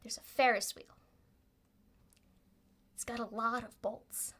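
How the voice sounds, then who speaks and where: Woman doing a little pixie-like trickster hare, high-pitched. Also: level tone, slow, a bit bright. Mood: sly, coaxing. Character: little talking hare, scheming, chummy, street-wise trickster. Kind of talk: tabletop role-play.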